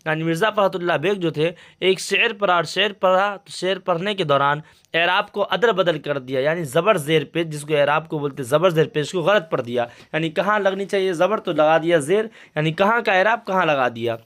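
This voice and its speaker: Young male tutor, high voice, walks through exam answers, repeats every point. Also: a little fast, a bit bright. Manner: repetitive, explains each line again. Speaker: Urdu teacher.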